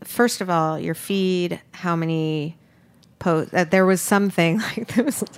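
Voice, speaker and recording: Low-voiced woman hosting, rambling. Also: steady tone, measured pace, clean tone. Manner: rambling, hesitant, many restarts and likes. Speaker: podcast host, food business owner. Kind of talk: casual interview chat.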